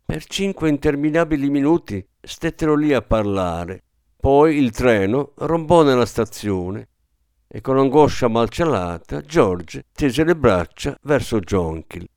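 A man giving calm, measured scripted narration of a literary story as an audiobook narrator. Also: mid-range voice, clean tone, no echo, studio quality.

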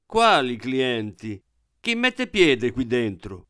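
A man's voice: mid-range voice, very animated, slow, fairly bright tone, smooth, no room sound, studio quality. A man voicing a bitter, grumbling aging shopkeeper in a dramatic radio reading.

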